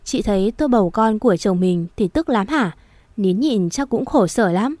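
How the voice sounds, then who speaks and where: A woman's voice: medium pitch, animated, moderate pace, a little mellow, no room sound, natural voice. A woman voicing a spiteful young pregnant mistress who mocks and provokes, in a storybook reading. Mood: taunting. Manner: mocking and provocative.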